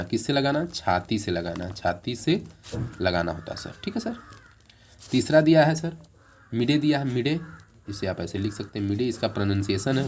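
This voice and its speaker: A male tutor walks through exam questions. He gives the Hindi meaning of each English word, repeats it, and closes points with a quick confirmation. There is a faint hiss of background noise under his voice. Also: mid-range voice. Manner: explains English words in Hindi, repeating each meaning, ends points with "theek hai sir"; reads English question text slowly, word by word. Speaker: exam coaching teacher. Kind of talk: exam question walkthrough lesson.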